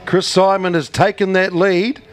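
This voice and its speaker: A man's voice: high-pitched, flat delivery, a little slow, a little hiss or hum. A man with a New Zealand accent calling a motor race live as a race caller, building suspense in short punchy phrases and questions.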